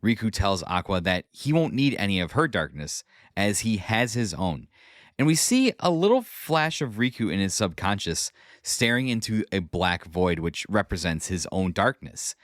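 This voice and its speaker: A man's voice: on the low side, big pitch swings, normal speed, dry recording, studio quality. A man hosting a podcast, narrating a scripted recap of a game story with casual asides. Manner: conversational asides in a scripted read. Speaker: podcast host.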